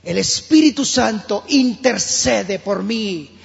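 A man preaching a sermon in a church with a Colombian accent, impassioned and then suddenly hushed. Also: high-pitched, animated, slow pace, gravelly. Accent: Colombian Spanish. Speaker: pastor. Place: church sanctuary. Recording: dull lo-fi church hall recording.

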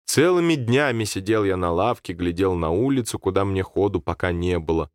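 A man narrating a story aloud in a calm, steady reading voice. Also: deep voice, a little fast, no echo, studio quality.

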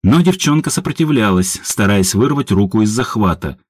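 Animated, husky male audiobook narrator. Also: lowish voice, normal speed, no echo. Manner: expressive, animated reading.

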